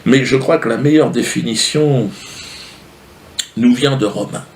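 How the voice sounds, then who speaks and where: A man's voice: mid-range voice, a little slow. A male comedian telling a long comic story to camera in a casual, slangy, rambling way. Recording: roomy echo, faint noise.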